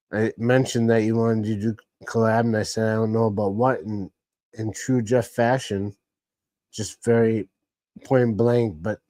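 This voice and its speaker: A man's voice: on the low side, dark tone, dry recording. A man casually hosting a live stream, rambling along and greeting chat viewers by name. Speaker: livestream host.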